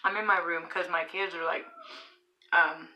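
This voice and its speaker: A woman's voice: on the low side, steady tone, normal speed, bright, forceful tone, poor audio. A middle-aged woman casually telling stories while eating in her bedroom, chatty, with frequent chuckles and fillers. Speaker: mukbang vlogger.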